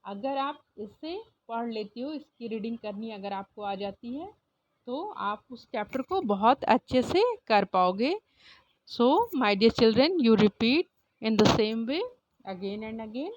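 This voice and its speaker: Slow Indian woman teacher spelling words. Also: on the high side, lively intonation. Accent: Indian English. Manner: mixes Hindi explanation with English words. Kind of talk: phonics reading lesson for children. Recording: dull lo-fi sound.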